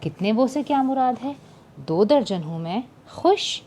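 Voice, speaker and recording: A woman's voice: medium pitch, expressive, brisk, darkish tone, a little hiss or hum, close to an everyday voice. A woman voicing a wry teasing young shopkeeper. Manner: wry, mock-offended banter.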